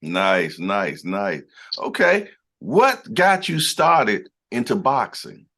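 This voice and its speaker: A man hosts a boxing show, interviewing a guest over a video call. He is upbeat and quick with short affirmations, and his pitch swings widely between high and low. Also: very animated, bright, forceful tone. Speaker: boxing channel host.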